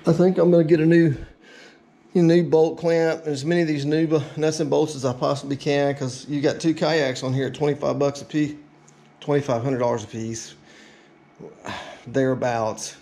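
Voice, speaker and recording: Mellow, a little high, and fairly even at a normal pace, this middle-aged man's voice guides an informal, folksy DIY how-to as he half mutters to himself while working in his garage workshop. The action-camera recording, handheld or on a tripod at varying distance, has roomy echo, clear noise and handling clicks.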